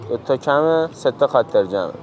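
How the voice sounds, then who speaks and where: A man's voice: mid-range voice, lively intonation. A young man pulling a hidden-camera prank, pestering and pleading theatrically in street chat. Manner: pushy, teasing, theatrical pleading. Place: outdoors in a busy city park. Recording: crowd noise outdoors.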